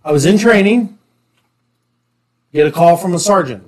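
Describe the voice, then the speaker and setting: A man's voice: high-pitched, animated. A man co-hosting a casual podcast, chiming in with teasing quips and short replies. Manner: teasing interjections, quick quips. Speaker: podcast co-host, former police officer. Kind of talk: casual chat.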